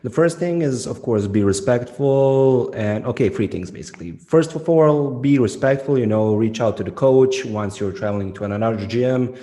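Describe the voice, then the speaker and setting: A man hosts a podcast interview in a relaxed, mellow voice. He sums up what his guest says, and a long reverb trails behind his voice. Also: mid-range voice, normal speed, hardly any pauses. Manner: sums up points, gives short backchannels. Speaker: podcast host.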